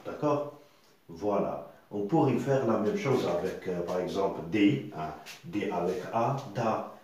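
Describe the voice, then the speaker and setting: A man gives a reading lesson at an unhurried pace, breaking words into syllables and repeating each one patiently. His voice sits a little low. The recording rings with heavy room echo. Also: darkish tone. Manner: repetitive, patient, sounds out syllables slowly with tags like hein. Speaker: teacher. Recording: very echoey room.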